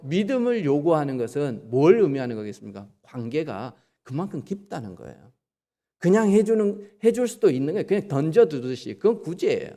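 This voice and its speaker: Warm-voiced man preaching a conversational sermon. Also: a little high, big-room sound. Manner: conversational, asks the congregation questions and acts out quoted lines. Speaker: pastor. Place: church sanctuary.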